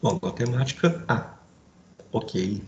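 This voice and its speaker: A man teaching a grammar lesson, explaining step by step and checking in with his students through quick asides. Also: on the low side, expressive. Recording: roomy echo, faint background noise.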